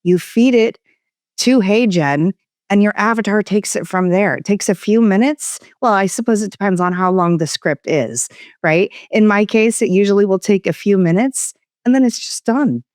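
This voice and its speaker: A woman speaking as a guest expert in a conversational interview, shifting her tone, speed and pitch as she talks. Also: normal speed, dry recording, clean studio sound. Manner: varied, expressive inflection. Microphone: studio microphone.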